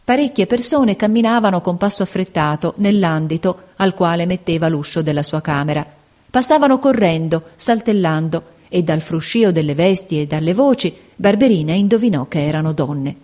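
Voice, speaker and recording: A woman narrating a novel aloud in a calm, measured reading voice. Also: mid-range voice. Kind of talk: scripted audiobook narration.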